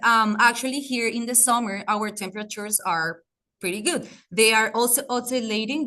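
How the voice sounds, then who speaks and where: A woman's voice: on the high side, sharp tone. A young woman from Colombia, a graduate mentor presenting a workshop in a chatty way, often searching for words. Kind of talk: workshop presentation over video call.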